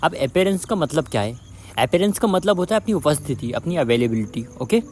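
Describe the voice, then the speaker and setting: A man's voice: fairly high pitch, very animated, brisk, darkish tone. A man hosting an advice video, talking straight to his viewers, calling them friends and repeating his points again and again. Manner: repetitive, addresses viewers as friends. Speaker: dating advice video host. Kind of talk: direct-to-viewer advice talk.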